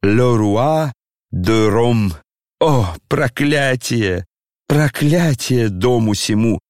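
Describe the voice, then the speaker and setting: A man's voice: mid-range voice, expressive, darkish tone, no room sound, studio quality. A man voicing a weepy old general. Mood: lamenting. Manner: slow, lamenting, declamatory. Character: maudlin old male retired general, grandiose. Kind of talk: audiobook character reading.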